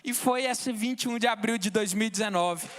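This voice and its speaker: A man's voice: high-pitched, a little fast, fairly bright tone, big-room sound. A man in his thirties from Brazil giving an emotional, fervent testimony in church, often calling out to the brothers. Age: 30s.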